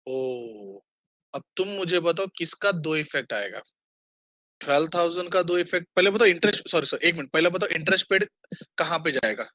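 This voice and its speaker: A man's voice: a little high, animated, moderate pace, sharp tone, no echo. A man teaching an online accounting class, quizzing students and mixing English terms into his Hindi.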